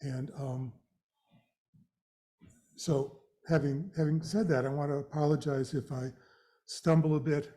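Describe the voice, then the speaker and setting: An older man with vocal fry giving an educational talk in a measured, halting, explanatory way. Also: mid-range voice, steady tone, dark tone. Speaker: guest speaker, retired executive director. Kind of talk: educational presentation to a live audience.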